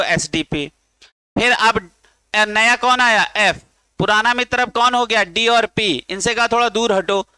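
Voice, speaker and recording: Bright-voiced male chemistry teacher. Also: high voice, clean tone, no echo. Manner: coaxing, calls students beta, drills them in chants. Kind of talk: classroom lecture. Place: classroom.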